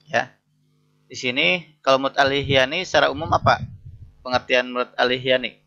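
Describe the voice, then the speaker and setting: A male lecturer runs an interactive class, reading Arabic phrases slowly and explaining each one. His voice is bright with a gravelly edge. The audio is dull and lo-fi, as from an online class. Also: medium pitch, steady tone. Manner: reads Arabic phrases slowly, then explains each one, keeps asking "betul tidak?". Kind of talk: interactive lesson.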